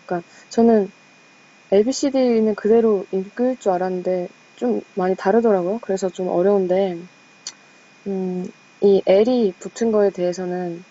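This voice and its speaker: A young woman leads a casual study session. She chats in a self-deprecating way and reads each French word slowly and carefully. Her voice is mellow and warm, and the recording sounds dull and lo-fi. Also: mid-range voice. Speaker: study group presenter.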